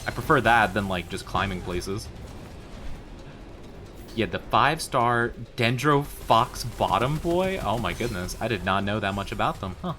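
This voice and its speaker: A man's voice: fairly low pitch, lively intonation, measured pace, bright, forceful tone. A man livestreaming games, talking casually and bantering playfully with his chat. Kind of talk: casual gaming stream chat. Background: faint music.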